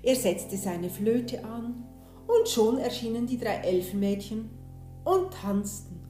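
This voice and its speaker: Slow, gentle woman reading a fairy tale. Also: on the high side. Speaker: storyteller. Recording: roomy echo, soft guitar behind.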